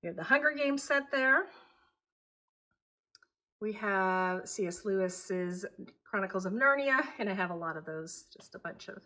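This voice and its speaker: Showing viewers around her home, a middle-aged homeschooling mother who grew up in Taiwan talks at a measured pace in a medium pitch, pausing often. As the channel's host, she stays chatty, easygoing and matter-of-fact in this casual vlog.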